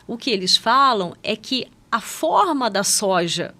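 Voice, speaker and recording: A Brazilian pediatric endocrinologist appears as a guest on a medical podcast, explaining things conversationally and often checking in with little agreement tags. Her fairly high voice is very animated, a little slow, and pushed and bright.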